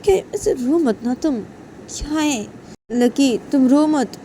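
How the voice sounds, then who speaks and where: A woman puts on a young man coaxing his partner to stop crying, soft and repeating himself, at times rising high. The tone is warm and low in brightness. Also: takes it slowly, a little hiss or hum. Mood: soothing. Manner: soothing, coaxing.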